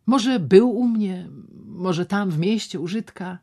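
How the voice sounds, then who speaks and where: A smooth, insinuating gambler who coaxes and half-whispers his offers, delivered slowly and deliberately, as a woman reads his part in an audiobook. His voice stays low in volume, slipping into breathy whispers as he presses his point. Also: full character voice. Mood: persuasive. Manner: hushed, persuasive, often dropping to whispers. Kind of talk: audiobook character reading.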